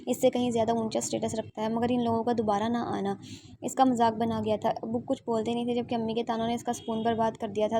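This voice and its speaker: A woman reading a romance novel aloud as narrator, in a steady, low-key storytelling manner. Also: a little hiss or hum.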